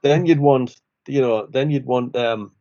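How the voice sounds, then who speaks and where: A man's voice: mid-range voice, unhurried, dark tone. Rambling jokey man, muffled recording. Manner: rambling, jokey, restarts and tag questions. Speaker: social worker podcast co-host. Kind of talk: casual chat over beers.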